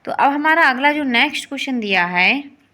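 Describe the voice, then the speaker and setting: A woman's voice: high-pitched, lively intonation, moderate pace, sharp tone. A woman teacher with an Indian accent going through exam questions and answers, echoing each answer back as a quiz question. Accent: Hindi-belt Indian. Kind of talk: exam-prep lesson.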